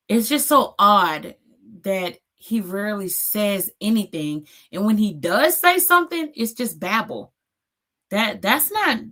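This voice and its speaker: A woman's voice: mid-range voice, a bit bright. A woman in her forties hosting a reaction channel, giving blunt, sassy commentary and tagging her points with "okay?".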